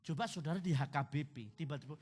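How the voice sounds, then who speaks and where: A middle-aged male pastor with a slightly high, husky voice preaches a sermon at a church service. He tells humorous stories and loudly mimics a song leader.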